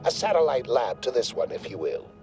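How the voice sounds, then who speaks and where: A man's voice: medium pitch, sing-song, a little fast, a little mellow, soft background music, lightly acted, low-quality recording. An actor playing a pompous male corporate scientist in a video game, speaking in verbose, condescending corporate jargon. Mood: smug.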